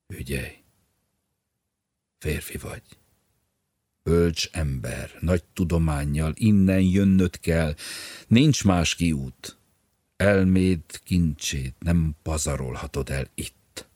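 An urgent, pleading male friend, read by a man in an audiobook. The voice is extremely deep and thickly husky. The recording is dry and close. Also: dry recording, exaggerated voice. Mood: imploring. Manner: urgent, imploring. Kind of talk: audiobook reading.

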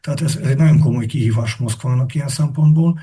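A male analyst with a warm, darker voice and a faintly husky edge. He answers at length in a measured, explanatory way, stopping often to think aloud. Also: medium pitch. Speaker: political analyst guest. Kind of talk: interview answers.

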